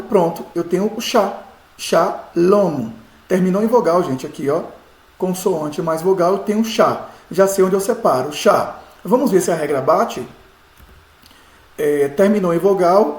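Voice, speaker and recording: A man's voice: a little high, a little mellow. A man, a pastor teaching biblical Hebrew, explaining step by step and often checking that his listeners follow. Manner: patient, explains step by step, asks rhetorical checks. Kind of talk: classroom-style lesson. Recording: echoey room.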